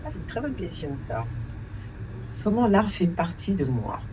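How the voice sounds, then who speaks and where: A woman's voice: fairly low pitch, very animated, moderate pace, darkish tone, far from the mic, slight background noise. A woman in her forties, raised in France, answering interview questions as a cultural entrepreneur and producer, thoughtful, with many hesitations and a few English words mixed in.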